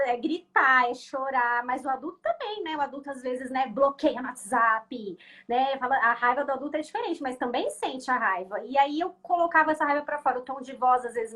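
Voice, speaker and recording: A woman's voice: high voice, fairly bright tone. A woman with a Brazilian Portuguese accent, a guest educator teaching conversationally, who often adds tag questions and acts out the voices she quotes. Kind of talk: conversational teaching in an online class.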